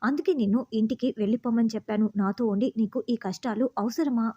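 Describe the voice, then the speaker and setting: A woman's voice: fairly high pitch, brisk, dark tone, highs cut off, close to an everyday voice. A woman voicing a stern, impatient young man on the run, scolding and bossy.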